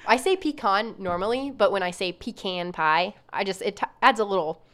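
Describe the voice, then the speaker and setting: A woman's voice: medium pitch, expressive, fast talker, a bit bright. A young woman co-hosting a podcast, chatting casually and asking lots of questions. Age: young adult. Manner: upbeat, asks lots of questions. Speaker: podcast co-host. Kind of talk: casual chat.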